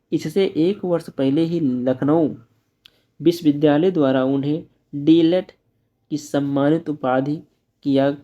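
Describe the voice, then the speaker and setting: Man teaching exam answers, mellow dull sound. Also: a little high. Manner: reads answers aloud slowly, then explains in plain asides. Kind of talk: exam-prep lesson.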